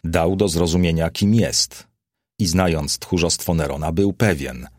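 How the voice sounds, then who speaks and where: A man narrating a historical novel as an audiobook, reading in a measured, even way. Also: deep voice, no echo, studio quality.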